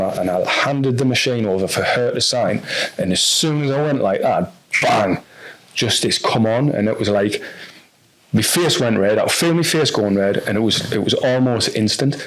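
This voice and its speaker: A man with a North East English accent, his voice lowish and fairly quick, tells a personal story as a podcast guest. He's frank and rambling, with plenty of restarts and fillers.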